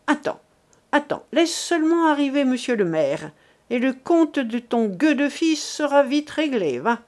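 A woman's voice: sits high, very animated, a little slow, a little mellow, voice pushed up. A woman reading aloud as a frightened, bitter middle-aged man lashing out with harsh scorn. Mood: scornful.

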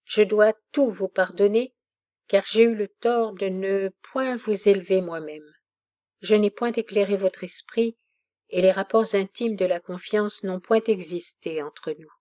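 Une noble mère mourante parle avec une dignité calme et grave, lue par une femme. La voix est douce et sombre. Le débit reste posé et mesuré. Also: female voice, mid-range voice, measured pace, natural voice. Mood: dignified. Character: dying noble mother, dignified and calm.

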